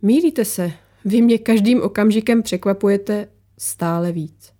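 A guarded war photographer snaps and pushes back, as a woman reads her lines. Her voice stays mellow and dark even when she bristles, sharp and defensive in manner. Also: medium pitch, natural voice. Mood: agitated. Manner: defensive, snapping, agitated.

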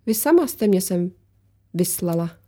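A woman reading as a calm, mysterious visitor. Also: lowish voice. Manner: calm, matter-of-fact, knowing.

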